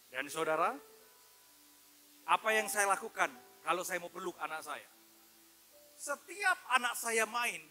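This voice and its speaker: High, bright-voiced pastor preaching. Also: male voice. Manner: animated, addresses listeners as "Pak" and "saudara"; acts out his son's and God's voices. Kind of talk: sermon.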